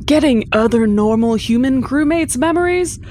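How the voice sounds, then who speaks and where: A woman's voice: sits high, animated, normal speed, a little mellow, slight background noise. A woman playing a robot crew member who stiffly pretends to be human, speaking in overly formal phrases in a comic sci-fi sketch.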